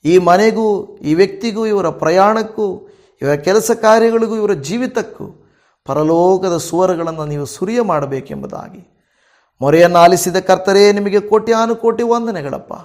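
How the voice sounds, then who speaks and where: A man's voice: high voice, a little slow, darkish tone. A male pastor with a Kannada accent leading a fervent spoken prayer, pleading in phrases that swell and fall.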